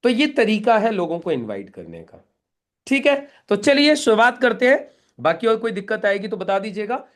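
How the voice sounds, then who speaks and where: A man's voice: high-pitched, sing-song, moderate pace, a bit bright. A middle-aged man leading a live training session in a meeting room, instructing the group and quizzing them with questions.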